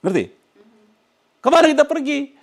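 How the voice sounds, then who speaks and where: An older man preaching a lively sermon as a pastor, animated and often chuckling, dropping English phrases into his talk. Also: very high voice, moderate pace, vocal fry.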